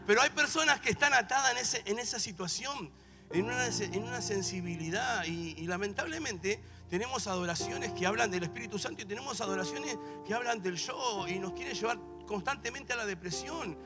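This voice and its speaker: A middle-aged Argentine man preaching a sermon, with a Rioplatense accent, moving from quiet storytelling to shouted exhortation. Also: sits high, animated, brisk. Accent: Rioplatense Spanish. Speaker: pastor. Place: church. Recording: live church service with music underneath. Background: worship music.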